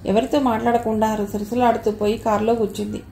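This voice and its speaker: A woman reading a novel aloud as an audiobook narrator, with a steady storytelling manner. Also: on the high side, quick pace, creaky. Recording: echoey room with faint noise.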